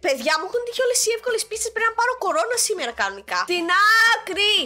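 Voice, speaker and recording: A young woman, sick with a sore throat, giving excitable gameplay commentary as a gaming YouTuber. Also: extremely high pitch. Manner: excitable, exclaiming at the game.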